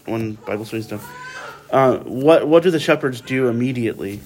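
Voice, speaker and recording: A man's voice: medium pitch, normal speed, darkish tone, slight background noise. A man leading a casual Bible study, talking conversationally and often checking in with his listeners with tag questions.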